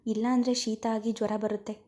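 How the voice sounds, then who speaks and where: A woman putting on an anxious young woman who fusses over her friend with quick, raised, worried questions. Her voice is mellow and a little breathy. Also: on the high side, little pitch movement, natural voice.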